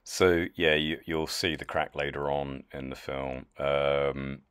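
A man with a British accent narrating his woodcarving project in a casual voice-over, hesitant with many pauses and restarts. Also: very deep voice, little pitch movement, a bit bright, clean tone. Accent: British English. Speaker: chainsaw wood carver.

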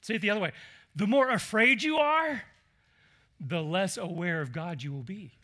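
A man preaching a sermon as pastor, animated and conversational, putting questions to the congregation. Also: high voice, normal speed. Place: church.

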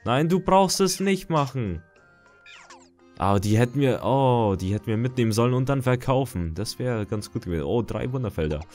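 A man's voice: medium pitch, normal speed, soft background music. A young man giving casual, chatty gameplay commentary, muttering and reacting as he plays. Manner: chatty, excitable, mutters to himself. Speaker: gaming let's-player.

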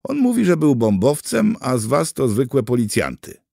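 A man voicing a flustered woman interpreter who speaks in a raised, hurried voice. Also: medium pitch, wildly swooping pitch, gravelly, mellow, no room sound, clean studio sound, pitched above the performer's own voice, heavily acted. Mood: flustered eager. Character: flustered female interpreter with shaky school German.

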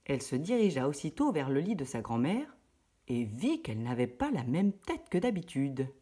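Husky woman reading a children's story. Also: low voice, normal speed. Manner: lively and expressive.

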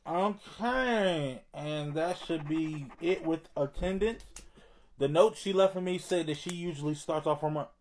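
Sassy female substitute teacher, done by a man, comedy skit, calls kids baby, slightly high voice. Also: a little slow, a little hiss or hum.

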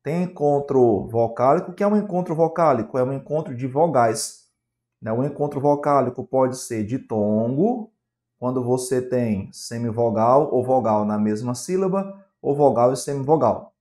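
A man's voice: mid-range voice, normal speed, warm tone. A man with a Brazilian Portuguese accent giving an exam-prep grammar lesson, asking questions aloud and answering them himself. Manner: asks questions in a student's voice and answers them himself, with frequent tag questions. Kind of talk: classroom grammar lecture.

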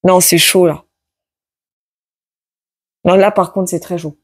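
A woman reading tarot cards aloud to her viewers in a casual chat, tagging her sentences with "hein" and bursting into loud exclamations. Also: fairly low pitch, slow, slightly rough, no echo. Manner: excitable, exclaims loudly, many "hein" tags. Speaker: tarot card reader. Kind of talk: casual card-reading video.

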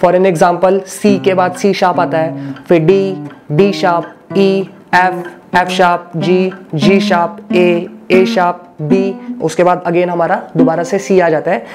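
A man's voice: high voice, flat delivery, slow. Patient male guitar teacher explaining. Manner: patient and explanatory, repeats each step; mixes Hindi with English phrases. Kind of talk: spoken guitar lesson.

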